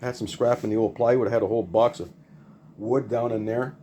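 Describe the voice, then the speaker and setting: A fast-talking older man with a dark, mid-range voice and fairly even intonation runs through an unscripted, hands-on demonstration of his homemade project. His show-and-tell is casual, plain-spoken, rambling, and repetitive, and there's a slight hiss or hum in the audio.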